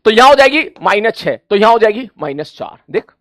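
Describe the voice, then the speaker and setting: High-voiced man teaching physics. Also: very animated, fairly quick, a bit bright, no room sound, clean studio sound. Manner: chatty, quizzes himself in students' voices and answers; addresses students familiarly as brother and child. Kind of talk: coaching class lecture.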